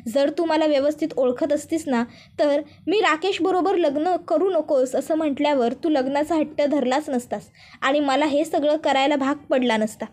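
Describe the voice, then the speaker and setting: A woman's voice: high voice, moderate pace, a little mellow, natural voice. A woman voicing a brooding, hot-tempered young businessman in a bitter inner monologue.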